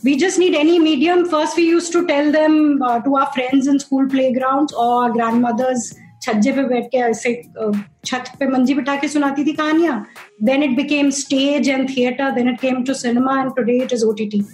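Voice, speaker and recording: A woman's voice: high voice, steady tone, quick pace, darkish tone, roomy sound, faint music behind, low-quality recording. A woman with an Indian accent talking conversationally as a panel guest, emphatic and switching between English and Hindi.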